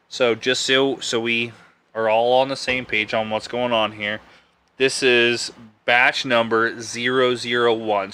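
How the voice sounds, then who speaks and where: Laid-back man with a bright, clear voice. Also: fairly low pitch. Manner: rambling, laid-back, self-correcting. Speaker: podcast host reviewing bourbon. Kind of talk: casual live-stream chat.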